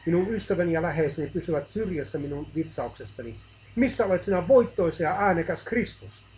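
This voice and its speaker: A man's voice: on the high side, warm tone, close to an everyday voice, poor audio. A man voicing a broken, suffering man crying out in anguished pleading in a devotional story.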